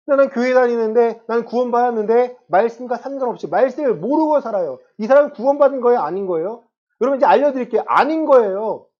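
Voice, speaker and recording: A man's voice: extremely high pitch, a little mellow, highs cut off. A male pastor in his thirties preaching a sermon in a church, stressing points with rhetorical questions to the congregation. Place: church sanctuary.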